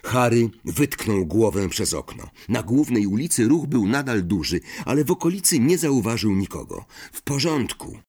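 A man narrating an audiobook with expressive storytelling. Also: lowish voice, moderate pace, few pauses, slightly rough. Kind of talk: audiobook reading.

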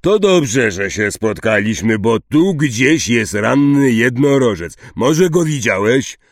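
Man doing a loud, blustery, giant gamekeeper. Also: mid-range voice, animated, takes it slowly, no room sound, clean studio sound, pitched above the performer's own voice. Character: big gruff gamekeeper, loud and impatient.

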